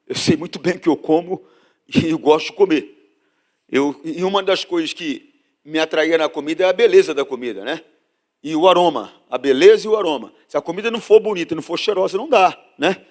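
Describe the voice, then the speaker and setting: A man preaching a sermon as pastor, drawing out scripture and rising to loud, emphatic peaks. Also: fairly high pitch. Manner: preaching with sudden loud emphatic rises and drawn-out scripture reading.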